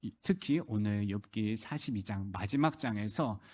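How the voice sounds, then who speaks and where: A man's voice: lowish voice, normal speed, a little mellow. A male pastor preaching a sermon, acting out quoted pleas with rising emphasis.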